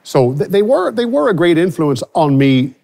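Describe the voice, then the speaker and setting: A fairly high, creaky, darkish voice comes through, very animated at a moderate pace. It belongs to a man in his forties from Louisiana, USA, a country singer interviewed on a starry-backdrop studio set via lapel mic, who reflects and restarts often.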